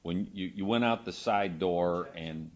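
Speaking in a low voice, a man cross-examines a witness as a lawyer in court. He talks conversationally, phrasing things haltingly and checking for confirmation.

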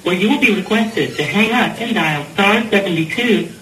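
A male automated voice announcing a jail payphone collect call in a flat, formal manner, heard over an echoey phone line. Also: high voice, normal speed, far from the mic, a little hiss or hum. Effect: jail payphone call recording.

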